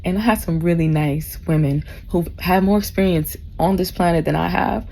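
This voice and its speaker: A woman's voice: fairly low pitch, normal speed, vocal fry, dark tone. A woman of about forty rambles drunkenly in a casual vlog, effusive and heartfelt, swearing freely and losing her thread. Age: 39, nearly forty. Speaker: vlogger. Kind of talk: casual rambling rant to camera. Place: cruise ship cabin. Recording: faint background noise.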